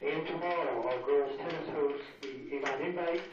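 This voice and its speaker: A man reading end-of-day announcements over a school intercom, halting with frequent fillers. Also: on the high side, lo-fi sound, crowd noise. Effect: school intercom loudspeaker. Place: classroom, heard through a wall speaker. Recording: distant echoey loudspeaker over a noisy classroom.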